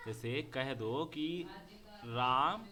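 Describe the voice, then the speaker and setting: A man's voice: mid-range voice, extremely slow, pushed and bright. A man teaching a grammar lesson to a class. He speaks, repeats key words and keeps asking whether the students understand.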